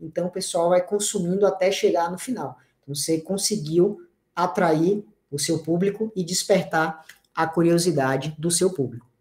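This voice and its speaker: A man's voice: high-pitched, moderate pace, darkish tone. A middle-aged Brazilian man teaching an online course. He explains step by step, asks the audience rhetorical questions and shifts his intonation. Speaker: university lecturer. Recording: roomy echo.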